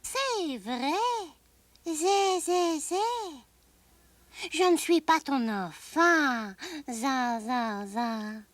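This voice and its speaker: Very high, very slow, sing-song little winged creature, Québécois accent. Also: animated, fairly bright tone, no echo, heavily acted. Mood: wistful. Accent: Québécois French. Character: small winged hooved creature seeking its parents.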